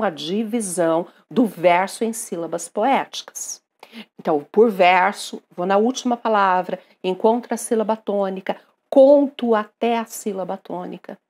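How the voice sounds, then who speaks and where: A Brazilian woman gives a literature lesson in an animated, emphatic way. She keeps checking in with her listeners as she explains. Her voice sits at an ordinary middle pitch for a woman. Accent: Brazilian Portuguese. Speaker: literature teacher.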